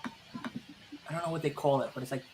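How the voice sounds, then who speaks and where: A man's voice: fairly high pitch, huge pitch swings, normal speed, a little mellow. A man co-hosting a podcast, rambling casually with lots of fillers and restarts, self-deprecating. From Italian family background. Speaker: podcast co-host. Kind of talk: casual chat. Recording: streamed podcast with faint background noise.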